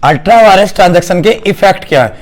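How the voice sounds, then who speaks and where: A man with a notably high-pitched voice lectures a class of students. He is playful, keeps asking them questions and slips English terms into his explanation. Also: animated, fast talker. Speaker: teacher.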